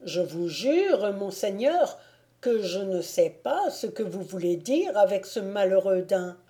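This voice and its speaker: A woman's voice: medium pitch, very animated, slow, mellow. A woman reading a pleading young woodcutter. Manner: pleading, earnest. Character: humble young woodcutter man, anxious and pleading. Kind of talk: audiobook reading.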